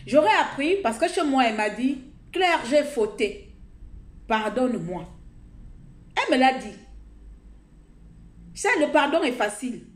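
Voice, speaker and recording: A woman's voice: high-pitched, big pitch swings, normal speed, pauses often, reverberant. A woman, ranting indignantly and emphatically to her followers in a live video. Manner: indignant, emphatic, talks straight to viewers. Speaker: live streamer addressing followers. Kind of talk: heated live video rant. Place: outdoors.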